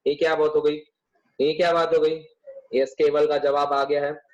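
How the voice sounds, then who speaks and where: High-voiced chatty man tutoring online. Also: flat delivery, normal speed, darkish tone, dull audio. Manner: chatty, teasing, coaxing students. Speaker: commerce tutor. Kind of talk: live online class.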